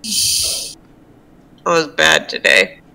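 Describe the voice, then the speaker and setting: A woman voicing a fragile, clingy young man who is hurting, in a tabletop role-play, talking in a hesitant, quiet, shaky way. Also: sits low, very animated, very slow, gravelly, voice pushed down, heavily acted.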